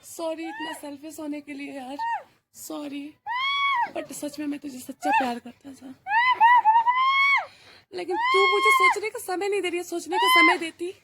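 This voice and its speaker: A frantic, self-pitying young man, as a woman acts him out, pleading and muttering with a voice that sits quite high and swings widely. The recording carries a loud hiss of background noise. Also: wildly swooping pitch, moderate pace, pauses often, exaggerated voice. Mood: pleading apology. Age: young adult. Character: young man, desperate guilty kidnapper boyfriend. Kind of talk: amateur dramatic acting.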